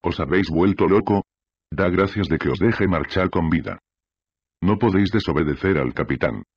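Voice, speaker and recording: A man voicing a gruff, scornful older pirate priest in an audiobook reading. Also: sits low, normal speed, no echo, dull audio. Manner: scornful, blustering.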